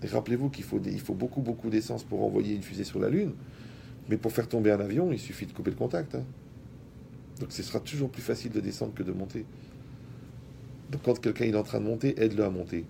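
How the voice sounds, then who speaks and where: A man with a low, heavily gravelly voice gives a talk in a relaxed, colloquial way. He speaks straight to his listeners and uses everyday examples. His tone is dark and mellow. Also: fast talker, slight background noise. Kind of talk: lively talk to an audience.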